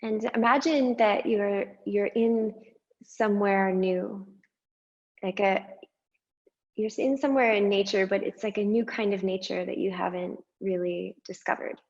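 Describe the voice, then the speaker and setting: A woman guiding a meditation and breathing exercise, speaking slowly and softly with long pauses. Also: mid-range voice, fairly even intonation, highs cut off. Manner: slow, soft and unhurried with long pauses. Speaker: meditation guide. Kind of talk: guided meditation.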